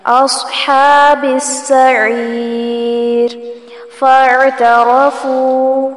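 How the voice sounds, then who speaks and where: A woman teaching tajweed, who chants words slowly and melodically and then explains each rule quickly. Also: high voice. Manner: alternates drawn-out melodic recitation with brisk explaining. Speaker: Quran recitation teacher. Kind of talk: tajweed lesson, slow recitation with quick explanations. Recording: echoey room with long reverb and faint music.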